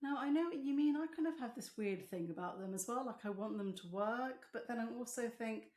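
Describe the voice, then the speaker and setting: A woman co-hosting a casual chat, frank and animated. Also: on the high side, brisk. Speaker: podcast co-host.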